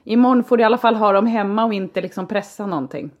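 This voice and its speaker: A woman's voice: medium pitch, darkish tone, dull audio. A woman in casual chat, asking sympathetic, probing questions.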